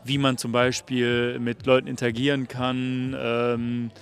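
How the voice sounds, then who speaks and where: A man conducts casual interviews outdoors at a summer party. He talks in a relaxed, loose way, full of fillers. Faint music drifts in the background. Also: mid-range voice, unhurried, smooth. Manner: relaxed, filler-heavy questioning.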